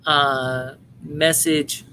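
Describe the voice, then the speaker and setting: A man hosting a live-stream sale, giving a playful, hammy home-shopping style sales pitch with chatty patter. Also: level tone, very slow, sharp tone, rough recording.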